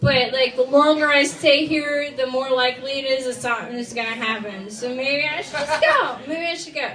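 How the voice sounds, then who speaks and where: Loud and tipsy, a woman whose voice sits high rambles through a stand-up routine at normal speed, swearing freely and filling her loose talk with "like." The recording, made from a distance, picks up the roomy acoustics of the comedy club stage.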